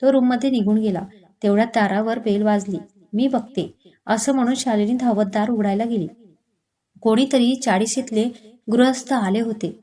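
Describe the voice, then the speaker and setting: A woman storyteller reading a romantic story in steady, expressive storybook narration. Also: on the high side, moderate pace.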